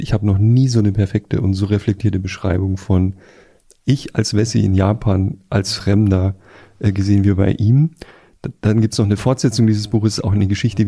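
A male podcast host with a low, mellow voice talks casually. He recommends things with real emphasis and enthusiasm, stressing his points hard. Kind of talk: casual conversation.

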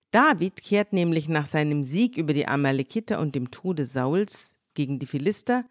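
An older woman co-hosting a podcast, retelling a Bible story in lively conversation and voicing the quoted lines in her own voice. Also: on the low side, dry recording, clean studio sound. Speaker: podcast co-host.

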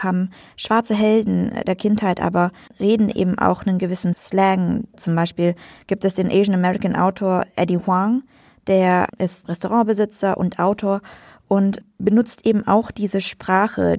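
Woman, podcast co-host, from Cologne, blunt casual explaining, low warm tone, dry close sound. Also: creaky, no room sound.

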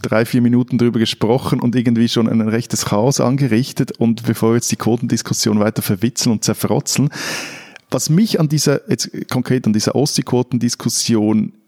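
A man who co-hosts a talk podcast and keeps pulling the debate back on track. He sounds dry-humoured, with a gravelly edge to a voice sitting in the middle range. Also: mid-range voice, fairly even intonation, fairly quick, a little mellow. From Switzerland. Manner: wry, steers the discussion. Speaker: podcast co-host. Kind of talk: casual debate.

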